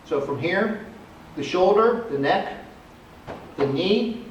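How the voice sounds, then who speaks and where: A man's voice: high-pitched, lively intonation, slow pace, dull audio, slight background noise. A male martial arts instructor explaining self-defense techniques step by step while he demonstrates them, recorded outdoors. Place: outdoors on a cement area. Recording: echoey, distant camera audio.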